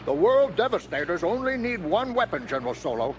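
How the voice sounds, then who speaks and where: An actor playing a grave alien admiral in an audio drama, speaking formally in solemn declarations. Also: male voice, sits high, big pitch swings, fairly quick, background noise. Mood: grim. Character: grave alien admiral defending his doomed people. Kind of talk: audio drama acting over orchestral score.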